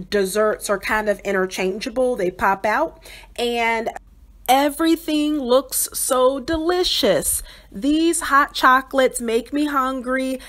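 A woman with a slightly high voice narrates a doll-toy unboxing review. She sounds cheerful and enthusiastic, describing each piece in detail with the odd "um" and "like". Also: a bit bright. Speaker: doll channel host.

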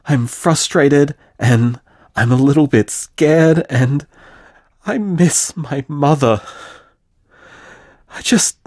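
An actor voices a man who is anxious, frustrated and grieving, leaving a halting, questioning, venting voicemail in an audio drama. His voice is fairly high and a little mellow, recorded dry, and he comes across as tired and vulnerable.

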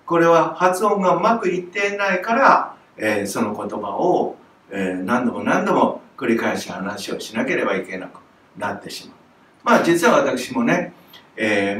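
A man's voice: medium pitch, fairly bright tone, recorded from a distance. An older Japanese man, a music teacher, giving a lesson to camera and acting out sounds with strong breath. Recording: roomy echo, voice from off the mic, faint noise.

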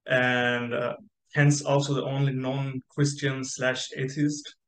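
A man's voice: medium pitch, little pitch movement, slow pace, a bit bright. Young guy from spain on a video call, lots of ums, echoey room. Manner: rambling, many fillers and restarts. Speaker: interview guest. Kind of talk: casual video-call interview. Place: bright room indoors.

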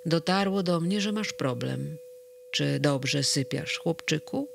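A reader voicing a calm, kindly male keeper of dreams in a bedtime story, speaking gently and a little solemnly. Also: mid-range voice, slow pace, gravelly, a little hiss or hum, exaggerated voice. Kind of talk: children's storybook reading.

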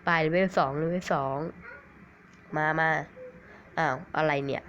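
A man with a cold giving rambling, excitable commentary on a mobile game, swearing at it now and then. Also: on the high side, measured pace. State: has a cold. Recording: dull lo-fi recording with faint hiss.

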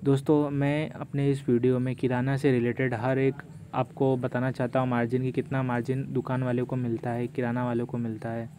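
A young man hosting a screen-recorded vlog, often saying "friends" and reading prices aloud in a steady walkthrough. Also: mid-range voice, a little fast, a little hiss or hum. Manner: repeats "doston" often, reads prices aloud. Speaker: YouTube host.

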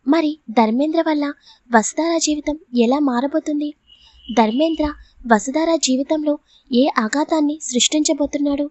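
A woman narrating a serial audio story in a steady, even manner. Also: sits high, normal speed, no echo. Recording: dull lo-fi audio.

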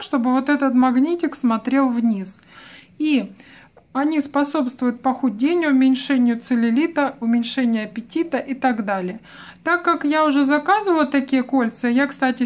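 A woman with a high, light voice talks through her latest small purchases one by one. She speaks warmly and directly to her viewers, in a chatty review manner. She is recorded indoors at a table while the camera looks down at her hands. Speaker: vlogger reviewing online purchases. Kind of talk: unboxing review talk.

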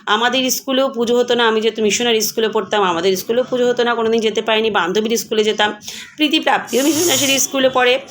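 A woman's voice: fairly high pitch, fairly even intonation, fast. A woman in her forties giving a chatty, homely voice-over of her cooking, addressing viewers as friends. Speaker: vlogger.

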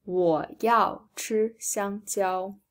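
A woman voicing a hungry little pig in a picture book, reading its lines slowly and emphatically. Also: medium pitch. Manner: slow, drawn-out, emphatic reading. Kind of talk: storybook read-aloud.

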